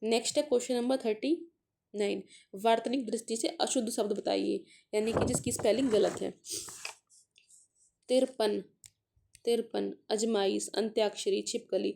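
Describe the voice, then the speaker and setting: A woman teaching a casual grammar lesson for exam preparation, working through paper questions and sounding out letters and words slowly to explain them. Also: mid-range voice, fairly even intonation, gravelly, warm tone. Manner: mixes English words into explanations.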